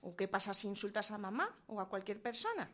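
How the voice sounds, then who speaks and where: A woman's voice: medium pitch, sing-song, fast talker, fairly bright tone. Woman explaining parenting questions. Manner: explanatory, acts out example questions to children. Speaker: guest expert on family communication. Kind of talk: conversational radio interview.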